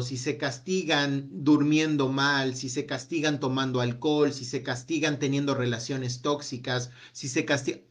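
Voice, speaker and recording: A man leading a self-help workshop, asking a long run of gentle reflective questions that trail off with a quiet "no?". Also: mid-range voice. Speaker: workshop speaker.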